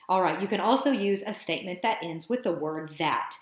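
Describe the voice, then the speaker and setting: A woman's voice: lowish voice, expressive, fairly quick. A woman teacher narrating a screencast lesson in an explanatory, conversational way with some fillers. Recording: roomy echo.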